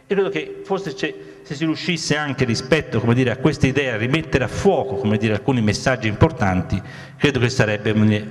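A man in his sixties, a native Italian speaker, giving an earnest, reflective off-the-cuff public speech into a handheld microphone. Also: mid-range voice. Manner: earnest, reflective, repeats filler phrases. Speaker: guest speaker. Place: large glass-walled hall, indoors. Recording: echoey hall over a PA.

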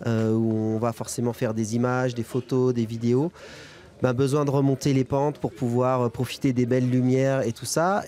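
A young man with a mellow, mid-range voice is interviewed as a guest freeride skier outdoors at a snowy ski resort event. Talking into a handheld reporter microphone, he comes across as casual, colloquial and somewhat hesitant.

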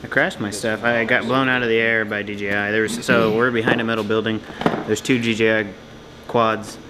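A man's voice: fairly low pitch, little pitch movement, a little fast, heavy background noise. A man chatting casually outdoors as a drone pilot, in a rambling, easygoing way. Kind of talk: casual chat. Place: outdoors on a farm.

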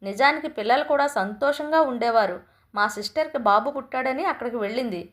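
A woman's voice: sits high, lively intonation, brisk. A woman voicing an indignant young mother who sharply scolds her mother-in-law in a storybook reading. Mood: accusing.

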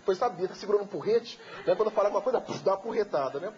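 A man's voice: sits high, animated, rapid-fire, darkish tone. A man from Belo Horizonte, a talk show guest telling an emotional story and acting out the voices in it. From Belo Horizonte, Brazil. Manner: vivid storyteller who acts out quoted voices. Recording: dull lo-fi TV recording.

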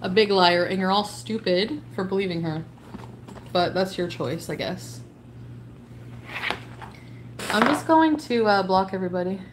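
A woman's voice: mid-range voice, animated, moderate pace, noisy background. A woman livestreamer in an angry, profane rant, hurling insults at her chat while blocking people.

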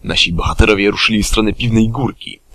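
Deadpan low-voiced male narrator. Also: fast, slight background noise. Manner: deadpan, crude. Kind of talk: comic parody story narration.

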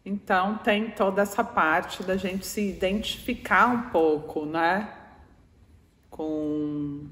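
A woman's voice: mid-range voice, unhurried, few pauses, fairly bright tone. Chatty Brazilian woman in an echoey hall. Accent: Brazilian Portuguese. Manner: chatty, keeps asking the audience for replies. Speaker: speaker addressing an audience. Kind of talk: informal spiritual talk to a live audience. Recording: echoey hall with faint noise.

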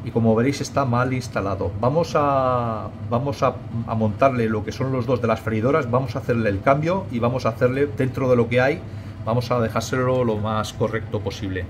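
Wearing a body camera for a first-person view, a middle-aged electrician casually explains his work to viewers in a small indoor restaurant back room, calling them "chicos," repeating words and saying "¿vale?" often. His voice is mid-range and fairly quick, against a noisy background.

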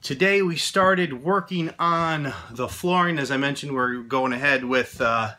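A man in his thirties giving a casual walkthrough of a camper, relaxed and full of fillers, filmed on a phone at arm's length. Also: medium pitch, unhurried. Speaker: vlogger host. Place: inside a small camper. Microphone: phone camera at arm's length.

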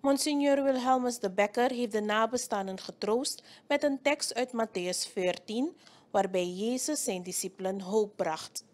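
Woman reporter reading a news report. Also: a little high. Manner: measured, reads out names slowly.

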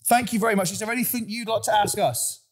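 A man's voice: sits high, quick pace, husky. A man hosting a casual podcast, rambling and repeating words as he starts sentences, often laughing between lines. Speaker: podcast host.

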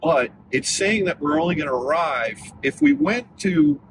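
A man's voice: on the high side, moderate pace. A man hosting a road trip vlog, talking casually and thinking aloud as he drives. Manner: relaxed, chatty, thinks aloud. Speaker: vlog host. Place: inside a car on the road. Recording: road noise in a moving car.

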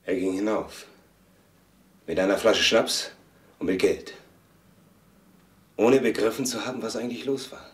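An actor playing a young son who calmly recounts a crime in a measured monologue, in a 1970s TV crime drama. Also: male voice, on the low side, close to an everyday voice. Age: young adult. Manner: measured storytelling. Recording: roomy, distant, faint hiss.

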